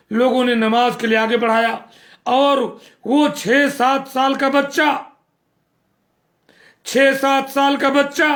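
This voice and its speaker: A man's voice: very high-pitched, a bit bright. A man preaching a sermon, earnest and scolding, repeating phrases for emphasis.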